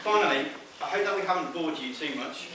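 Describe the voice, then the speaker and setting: A man's voice: on the high side, fairly quick, over a noisy crowd. A young man giving a prepared best man's speech at a wedding. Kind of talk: wedding speech, read from notes. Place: inside a wedding venue, speaking to guests. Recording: roomy echoing, noisy, distant event recording.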